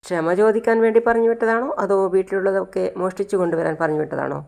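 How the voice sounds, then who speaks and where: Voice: medium pitch, steady tone, fast, creaky, a little mellow, close to an everyday voice. A narrator voicing a harsh middle-aged mother who accuses and scolds insistently. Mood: scolding.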